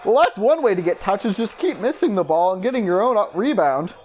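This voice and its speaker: A man with a fairly high voice calls basketball plays in short, punchy phrases, like a television sportscaster. He gets excitable, his voice leaping up whenever something big happens. A faint hiss of background noise sits under the voice. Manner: brisk clipped call of each play. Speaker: YouTube gaming creator. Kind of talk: mock play-by-play basketball commentary.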